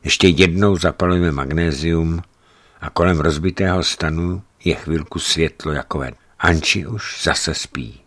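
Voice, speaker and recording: A man narrating a travel story in a measured, serious first-person reading. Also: a bass voice, fairly bright tone.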